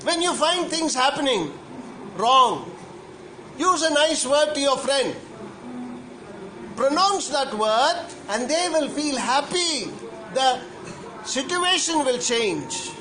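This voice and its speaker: A man's voice: very high voice, very animated, bright, forceful tone, a little hiss or hum, rough recording. A priest giving a homily to children, asking them question after question and repeating himself as he goes. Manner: slow, questioning, repeats questions to young listeners. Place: church.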